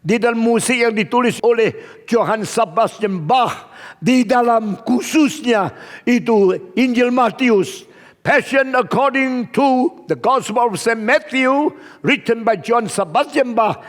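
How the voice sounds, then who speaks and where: A man's voice: very high voice, takes it slowly. A male pastor preaching an evangelistic sermon emphatically, with rhetorical questions and repetition, in a large auditorium. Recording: long hall reverb.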